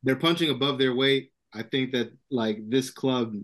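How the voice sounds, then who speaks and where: A man's voice: medium pitch, normal speed, fairly bright tone. Slangy man in casual football chat. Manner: slangy, repeats phrases for emphasis. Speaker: sports podcast host.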